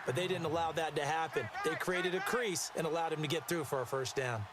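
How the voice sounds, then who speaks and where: A man's voice: a little high, brisk, natural voice. A man with an American accent playing a football color commentator in a video game, explaining plays in a folksy way. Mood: analytical. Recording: loud game noise behind voice.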